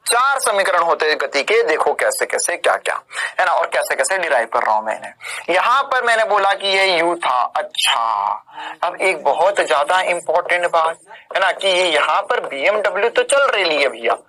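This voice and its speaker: A man teaches physics in an online exam-prep lecture, emphatic and informal, repeatedly checking in with tag questions and calling students "beta" (kids) and "bhaiya" (brother), with joking asides as he explains. His voice is high and sharp, and the audio quality is poor.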